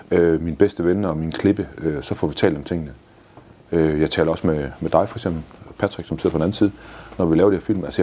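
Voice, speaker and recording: Interview guest, man in his 50s, very low husky voice, blunt and swearing. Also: mellow. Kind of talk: casual interview answers.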